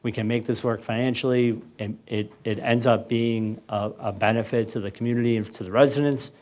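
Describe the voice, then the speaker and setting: A man, the mayor, speaking informally to residents at a community meeting, halting with many fillers and restarts. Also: mid-range voice, steady tone, darkish tone. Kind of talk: informal public meeting remarks.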